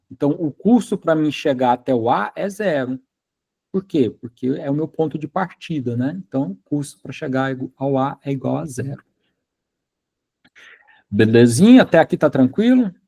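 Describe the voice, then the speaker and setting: A university lecturer with a Brazilian Portuguese accent teaches in an informal, chatty way, often asking whether students are following and using many fillers. His medium-pitched voice is dark and slightly rough, and the recording has its highs cut off.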